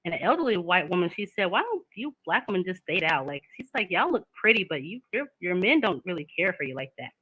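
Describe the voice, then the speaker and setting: A woman's voice: lowish voice, very animated, fast talker, hardly any pauses, bright, forceful tone, husky, no echo, low-quality recording. A woman, talking candidly in a casual chat and laughing often.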